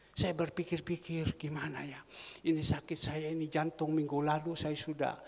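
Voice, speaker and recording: A man preaching a sermon with personal testimony, swinging between loud exhortation and hushed storytelling. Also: fairly high pitch, gravelly. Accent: Indonesian. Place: church hall. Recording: reverberant church hall.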